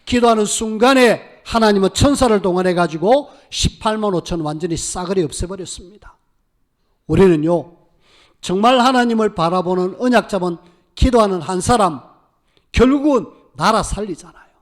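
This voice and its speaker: A man preaching a sermon, his voice sitting high for a man. He speaks with emphatic force and voices the pleas of biblical figures as fervent prayers. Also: moderate pace. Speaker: pastor.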